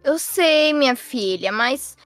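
A woman's voice: sits high, animated, takes it slowly, a bit bright, dry recording, faint music behind, heavily acted. A woman playing a fawning, two-faced aunt in a Roblox role-play story, sugary and whiny. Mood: scheming. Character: scheming fawning aunt, middle-aged woman.

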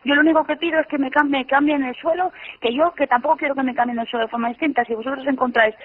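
A woman's voice: high-pitched, steady tone, racing. A woman with an accent from Spain, talking insistently and repeating herself in a conversation over a landline phone. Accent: Spanish (Spain). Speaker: prank call victim, insurance customer. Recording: over a landline phone, muffled narrow sound.

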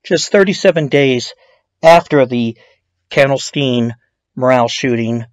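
A man's voice: mid-range voice, no room sound. A man narrating a true-crime documentary in a conversational, opinionated way, with blunt emphasis.

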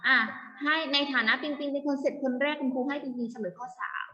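A woman teacher leads an online lesson through a video call, her bright, slightly high voice coming over a dull, muffled line. She asks a lot of questions and stays patient, dropping into English for the examples. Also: steady tone, fast, slight background noise.

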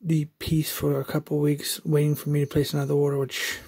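A man's voice: a little high, completely flat delivery, a little fast, darkish tone, breathy edge. A man casually narrating an unboxing of a collectible figure, explaining each step with fillers as he goes. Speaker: toy collector reviewer.

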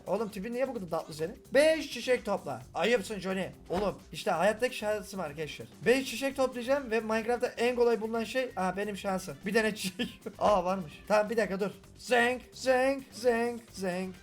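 A man giving excitable, joking commentary on his gameplay, talking straight to his viewers. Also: high voice, brisk, faint music behind. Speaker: gaming YouTuber.

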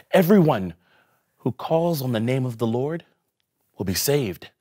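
A man playing the apostle Peter in a comic church skit, preaching in a husky, emphatic way. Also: mid-range voice, lively intonation, slow, dark tone. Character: apostle Peter, bold adult male preacher.

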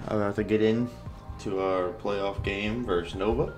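A man with a fairly low voice commentates a video game battle casually, with music playing behind him. His swollen lip makes his speech slightly off, and he talks in a halting, low-key ramble. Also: fairly even intonation, a little mellow. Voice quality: slightly impeded speech from swollen lips and mouth sores. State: sore, swollen mouth. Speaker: gamer commentating an online battle.

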